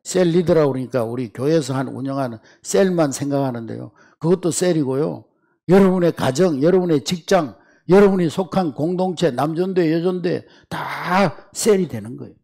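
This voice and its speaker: A man preaches a sermon as pastor, his voice sitting a little high with a gravelly edge. He speaks with emphasis and keeps calling out to the congregation. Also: normal speed, dark tone.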